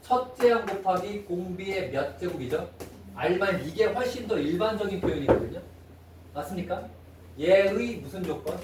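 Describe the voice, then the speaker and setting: High-voiced man teaching math. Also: expressive, moderate pace. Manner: asks students constant check-in questions. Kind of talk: classroom lecture. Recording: echoey room, mic far off, faint noise.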